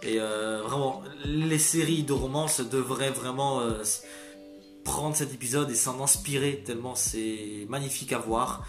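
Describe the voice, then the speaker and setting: A man giving a casual spoken review, rambling and excitable, swearing freely and bursting into loud outbursts. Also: mid-range voice, measured pace. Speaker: video critic. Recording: roomy echo, faint music behind.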